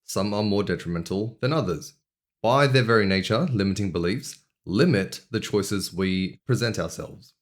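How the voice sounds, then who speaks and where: This reflective monologue comes from a young vlogger in Australia who doesn't speak English as his first language. His voice is lowish, and he narrates earnestly and carefully, pausing on purpose.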